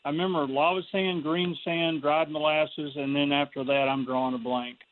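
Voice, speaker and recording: A male caller heard over the phone, his voice thin and tinny like a telephone line with a faint hiss underneath. He sits a touch higher than most men and chats in a friendly, rambling way. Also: steady tone, normal speed. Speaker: radio call-in caller. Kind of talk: casual chat.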